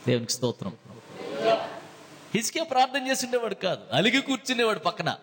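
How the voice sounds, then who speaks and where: A man preaching a sermon as a pastor, swinging between hushed, low lines and loud, high-pitched bursts, with a few English phrases mixed in. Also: big pitch swings, fast, in a large hall, background noise.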